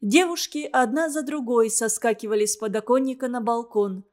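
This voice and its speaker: Woman reading a story aloud, fairly high voice. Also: moderate pace, darkish tone. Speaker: narrator.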